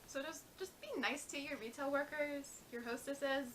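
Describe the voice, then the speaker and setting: Young woman, blunt casual vlog chat, kinda high bright voice, faint hiss behind. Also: steady tone. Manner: blunt, quick interjections, gives advice. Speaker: vlog co-host.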